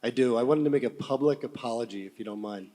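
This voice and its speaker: A man speaking at a business conference in a playful, storytelling way. His voice sits at a middle pitch and rings with long hall reverb. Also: fast, dark tone. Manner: playful storyteller, mimics accents. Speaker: conference panelist. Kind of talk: jokey speech to an audience. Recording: hall reverb from room mic.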